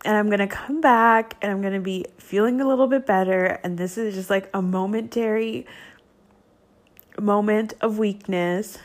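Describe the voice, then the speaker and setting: A woman's voice: medium pitch, fairly even intonation, moderate pace. A woman hosting a solo podcast, talking casually and candidly, full of self-doubt and fillers like "like.". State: emotional, close to tears at times. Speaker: podcast host.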